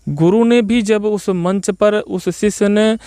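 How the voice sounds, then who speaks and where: A man giving spoken opinion commentary as a video host, arguing his case point by point and pausing often on repeated filler phrases. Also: sits high, fairly even intonation, mellow, smooth, no echo, studio quality. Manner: argumentative, explains point by point.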